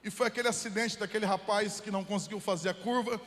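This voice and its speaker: High-voiced Brazilian pastor preaching. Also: male voice, steady tone, quick pace, a bit bright. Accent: Brazilian Portuguese, São Paulo interior. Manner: storytelling, rising to fervent preaching. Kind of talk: sermon with personal story. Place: church hall. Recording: long hall reverb from the church.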